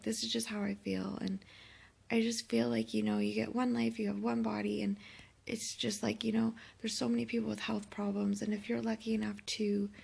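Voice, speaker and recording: A woman in her thirties speaks casually and confessionally into her phone while badly hungover. Her voice is husky and thick with gravelly fry, at an ordinary female pitch with little swing. She sounds weary and fed up with herself, halting as she goes. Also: darkish tone. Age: 30s. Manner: weary, self-reproachful, halting. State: hungover, feeling sick. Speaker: vlogger. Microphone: phone held by herself.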